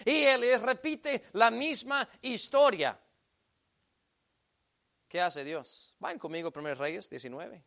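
Bright, high-voiced Spanish-language preacher man. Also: takes it slowly, creaky, long pauses. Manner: emphatic, swings from loud exhortation to quiet asides. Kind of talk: sermon.

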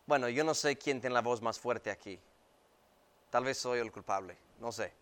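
Male pastor, clear bright voice, emphatic sermon delivery. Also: high voice. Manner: emphatic preaching, swinging between loud and quiet. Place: church.

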